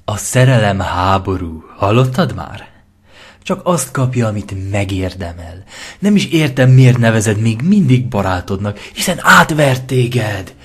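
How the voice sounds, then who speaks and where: A man's voice: fairly low pitch, big pitch swings, slightly rough. A man voicing a manipulative pony tempter who coaxes and pushes a friend toward a killing, in an audio fanfiction reading. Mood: insistent. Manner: coaxing, insistent, contemptuous. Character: scheming manipulative pony tempter, coaxing and cruel.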